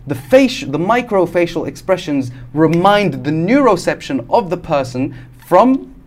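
A man's voice: fairly high pitch, big pitch swings, moderate pace, a little hiss or hum. Male podcast guest from Algeria, explanatory, casual, frequent restarts. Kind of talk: casual conversation.

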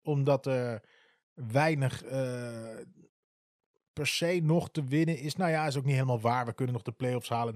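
A man's voice: medium pitch, no room sound, clean studio sound. A man in his forties from the eastern Netherlands, telling his story in a candid, casual way with many hesitant filler sounds. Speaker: football club supporter.

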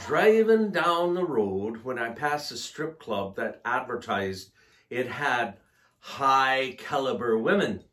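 Man, casual co-host, unhurried pace, lively pitch, playful jokes. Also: a little hiss or hum. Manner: slow, playful joke-telling with lively pitch. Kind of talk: casual comedic chat.

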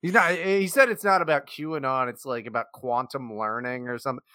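A young man co-hosting a podcast, chatting casually, swearing freely and joking in an animated way. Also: medium pitch, dry recording, studio quality. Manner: animated, swearing, quick to joke. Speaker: podcast co-host. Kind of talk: casual profane chat.

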